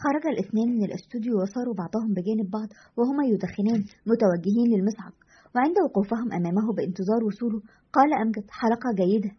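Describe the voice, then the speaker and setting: A woman narrates a scripted story at a very fast clip, her voice slightly high and husky. She keeps a brisk, steady delivery. The recording sounds dull and lo-fi.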